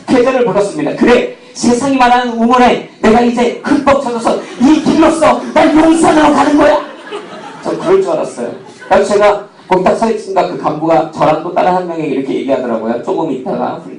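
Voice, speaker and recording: A man's voice: fairly high pitch, a little mellow. A male pastor preaching a sermon, asking the congregation questions and telling a humorous personal story. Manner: asks the congregation rhetorical questions. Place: church sanctuary. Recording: echoey hall, mic at a distance.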